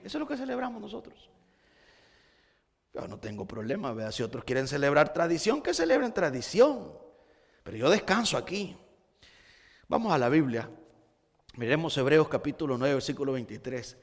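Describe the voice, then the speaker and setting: A man's voice: fairly high pitch, very animated, moderate pace, vocal fry, long pauses, long reverb tail. A man preaching a sermon as pastor, with rising emphasis and frequent repeated starts. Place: church hall.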